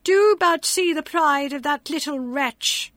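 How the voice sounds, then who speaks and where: A woman's voice: sits high, slow, fairly bright tone, dry recording, pitched above the performer's own voice. A woman voicing spiteful, jealous older sisters who sneer in raised voices.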